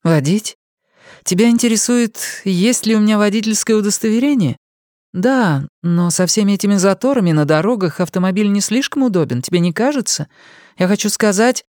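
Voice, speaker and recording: A man voicing an eager, hopeful young woman in an audiobook, his voice pitched up high. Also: a little fast, dry recording, studio quality. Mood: questioning. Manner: raised, excited delivery.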